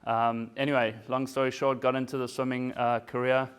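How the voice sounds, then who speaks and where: A man's voice: medium pitch, flat delivery, brisk, clear, resonant tone. A man in his forties from South Africa, giving a casual, self-deprecating motivational talk to a business audience. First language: German. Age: 40s. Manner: casual, self-deprecating, often asks "right?". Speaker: keynote speaker.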